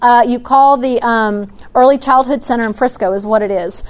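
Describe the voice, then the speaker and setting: A woman talks parents through their questions, her voice sitting a little high. She explains step by step, practical and unhurried, with frequent fillers and restarts. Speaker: early childhood educator answering parents. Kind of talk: Q&A talk to parents.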